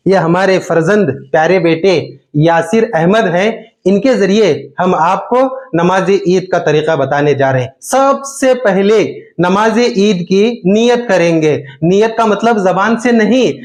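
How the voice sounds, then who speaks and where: Guy teaching how to pray, talks real slow, stretches out each takbir. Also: high-pitched, darkish tone. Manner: slow, patient explaining with drawn-out takbirs. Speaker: religious teacher. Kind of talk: step-by-step prayer demonstration.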